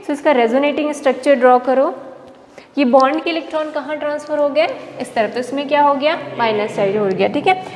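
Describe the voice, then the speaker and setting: A woman's voice: high voice, a little fast, crowd noise. A woman teaching a chemistry lecture, explaining step by step and asking questions she then answers herself. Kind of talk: classroom lecture. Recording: long reverb, faint background noise.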